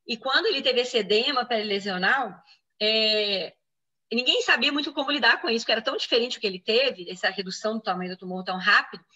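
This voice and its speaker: Fast-talking bright woman doctor. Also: fairly high pitch, muffled recording. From Brazil. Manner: explanatory, quoting others in lively reenactment. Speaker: physician interviewee. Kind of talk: interview answers, personal medical account.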